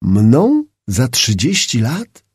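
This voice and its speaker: A man's voice: medium pitch, wildly swooping pitch, extremely slow, a little mellow, husky, no room sound, studio quality, full character voice. A man voicing a bewildered doctor in an audiobook, asking polite, urgent questions. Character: bewildered male doctor, helpful and confused. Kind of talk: audiobook character reading.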